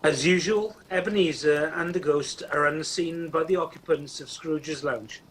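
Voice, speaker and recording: In an amateur radio play recorded at home over a video call, a man voices the wry storybook narrator of a Christmas ghost tale. His voice is fairly high, a bit bright and breathy, with fairly even intonation and an unhurried pace; the audio is poor, with faint noise.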